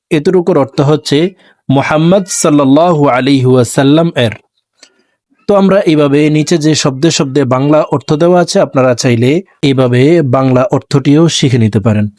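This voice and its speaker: A man teaching Quran pronunciation, breaking words into syllables and chanting them slowly for viewers to repeat. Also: on the high side, darkish tone, no room sound, studio quality. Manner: slow drawn-out chanting of words for repetition; instructive, addresses viewers directly. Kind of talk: recitation lesson.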